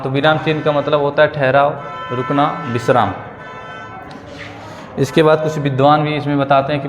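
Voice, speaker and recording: Male teacher, exam-prep grammar lesson, repeats phrases slowly, long reverb, faint background hum. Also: mid-range voice. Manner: repeats key phrases slowly, checks in with "theek hai".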